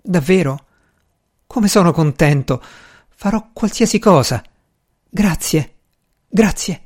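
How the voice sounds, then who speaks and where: A man's voice: high voice, expressive, takes it slowly, darkish tone, slightly rough, pitched above the performer's own voice, full character voice. A man voicing a frightened, fawning male spy who pleads in a trembling voice.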